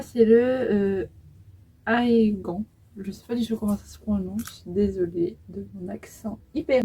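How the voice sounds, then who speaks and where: Young woman chatting thru her makeup, dark husky voice, lots of ums. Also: fairly high pitch, poor audio. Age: 20s. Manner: chatty, hesitant, many fillers while applying makeup. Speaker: beauty vlogger. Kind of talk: casual makeup tutorial.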